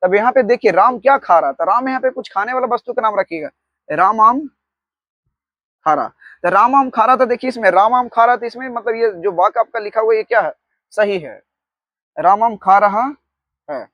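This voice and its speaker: A man with a fairly high voice teaches a grammar lesson. He explains with examples and dictates slowly, saying key words twice. The recording is dry and close, with no room sound. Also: sharp tone, dry recording. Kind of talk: Hindi grammar lecture.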